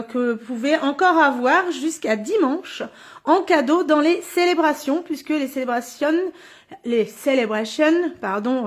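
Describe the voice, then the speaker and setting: Brief: high-pitched middle-aged woman, live craft demo host, chatty and thinking aloud at her table. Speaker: card-making demonstrator. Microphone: phone or camera on a stand.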